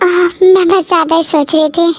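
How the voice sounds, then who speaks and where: A woman voicing a proud, touchy young woman in an amateur fan drama, answering with quick, sulky retorts. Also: very high-pitched, little pitch movement.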